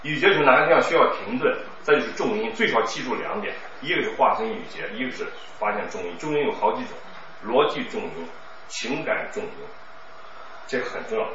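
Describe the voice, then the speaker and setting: Brief: middle-aged man, recitation teacher, lively teasing delivery, recorded far off in a boomy, muffled room. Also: a little fast. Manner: chatty, teasing, laughs often. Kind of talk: classroom coaching and Q&A. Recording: echoey, distant, muffled room with noise.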